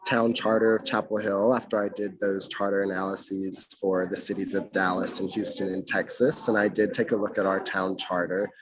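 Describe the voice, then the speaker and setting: Soft-spoken young man on a video call. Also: sits low, flat delivery, a crowd in the background, poor audio. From North Carolina. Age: young adult. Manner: formal, measured, with frequent ums. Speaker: mayoral candidate. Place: outdoors.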